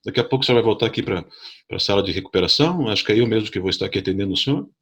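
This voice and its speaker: A man voicing a calm, middle-aged woman nurse who soothes a nervous patient in a matter-of-fact way. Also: lowish voice, rapid-fire, husky, full character voice. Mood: reassuring.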